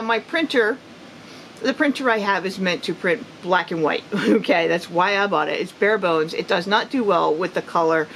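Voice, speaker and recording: A woman's voice: medium pitch, a bit bright, a little hiss or hum. A woman in her fifties chatting casually about her reading in a rambling way, with many ums and restarts. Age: 50s. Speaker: book vlogger. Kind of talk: casual reading wrap-up chat.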